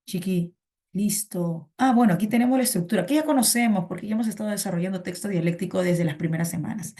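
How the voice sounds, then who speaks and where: A woman's voice: mid-range voice, fast talker, mellow. A woman teaching a pre-university reading class online, chatty and repeating her points to students. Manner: chatty, repeats phrases, calls students "chiqui".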